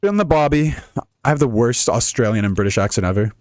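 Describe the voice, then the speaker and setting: A man's voice: mid-range voice, expressive, fast talker, darkish tone, no echo, studio quality. A young man giving casual, jokey, rambling commentary while playing a video game. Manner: rambling, jokey, laughs often. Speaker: gaming YouTuber.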